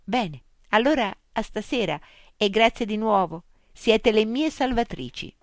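A woman's voice: medium pitch, lively intonation, a little slow, no echo, clean studio sound, voice pushed up, close to an everyday voice. A woman voicing a flustered adult woman writer who keeps apologizing. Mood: apologetic.

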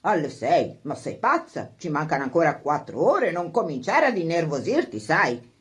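A woman voicing a middle-aged husband who answers calmly and dismissively in a lowered voice. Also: moderate pace, breathy edge, exaggerated voice. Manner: low, level, dismissive.

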